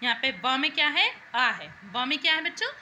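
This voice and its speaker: A woman's voice: high-pitched, very animated, a little fast, bright, forceful tone, slight background noise, poor audio. A woman teacher working patiently through Sanskrit exercises, often asking questions back to her students. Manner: patient, repeats and asks questions to the class. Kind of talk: explaining worksheet answers to students.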